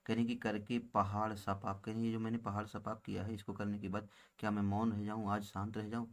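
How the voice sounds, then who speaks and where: A man teaching a poem to students, with a low voice that stays level and seldom rises or falls. He reads each verse slowly, then paraphrases it in everyday words, and keeps calling his viewers friends. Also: completely flat delivery, darkish tone. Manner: addresses viewers as friends, with frequent filler phrases. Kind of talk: explaining a Hindi poem line by line.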